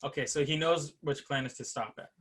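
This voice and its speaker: A man co-hosting a casual show review, talking in an animated way full of "like"s. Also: fairly high pitch, brisk. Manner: animated, filler-heavy with many "like"s. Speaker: podcast co-host.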